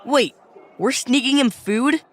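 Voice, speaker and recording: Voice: sits high, slow, a bit bright, full character voice. An actor voicing a wisecracking teenage schoolboy who grumbles and jokes. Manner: whiny and joking.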